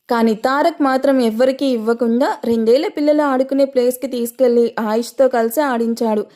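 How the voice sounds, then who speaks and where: A woman narrating an audio story in a gentle, expressive way, her voice strained from long recording. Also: fairly high pitch.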